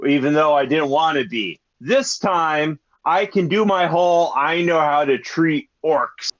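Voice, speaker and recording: A man playing a tabletop game, talking in a slow, deliberate way. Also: on the high side, lo-fi sound. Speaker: player.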